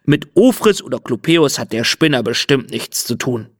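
A man's voice: mid-range voice, animated, normal speed, no room sound, studio quality, natural voice. A man voicing a bold, friendly male insect in a storybook reading, easygoing.

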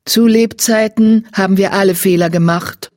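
A reader voicing a firm, commanding she-cat clan leader, raised and forceful. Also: medium pitch, steady tone, normal speed, dry recording, studio quality, voice pushed up, close to an everyday voice. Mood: authoritative.

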